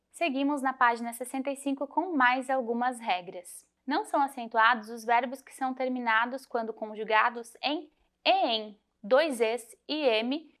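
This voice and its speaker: A woman teacher guiding students through a grammar lesson, clear and methodical, slowing to spell out example words. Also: sits high, a bit bright. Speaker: Portuguese teacher. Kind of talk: recorded lesson walkthrough.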